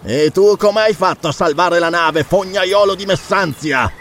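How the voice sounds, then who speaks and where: A man voicing a fierce, ruthless buccaneer captain in an audiobook, snarling and shouting threats. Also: high voice, unhurried, slight background noise, voice pushed up. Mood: sneering. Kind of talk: audiobook character reading.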